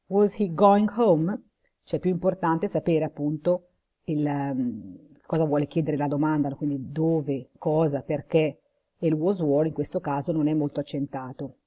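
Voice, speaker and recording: A woman with an Italian accent teaching English in a video lesson, saying English phrases slowly and carefully and explaining them. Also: deep voice, dark tone.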